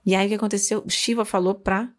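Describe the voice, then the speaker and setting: A woman's voice: mid-range voice, steady tone, fast talker. A woman with a Brazilian Portuguese accent interpreting a spiritual talk, retelling a sacred story with hesitations and self-corrections. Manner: hesitant, self-correcting, apologizing for lost words.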